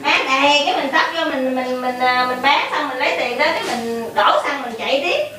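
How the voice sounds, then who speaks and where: A woman talks in a high, lively voice, full of fillers. Her voice echoes in the room over loud background chatter. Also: a little fast, far from the mic. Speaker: daughter. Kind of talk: casual family chat.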